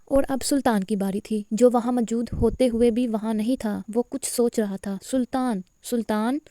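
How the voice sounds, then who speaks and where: Female audiobook reader, steady novel narration, mellow and smooth, fairly high. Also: no room sound. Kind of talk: reading a romantic novel aloud.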